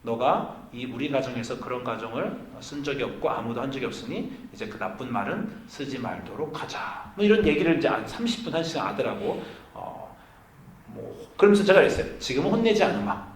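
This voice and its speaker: A man preaching a sermon in a reverberant church sanctuary. He speaks at an ordinary mid pitch and tells a story from his week. He slips into the voices of the people he quotes. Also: lively intonation, a little fast. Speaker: pastor. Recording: echoey room.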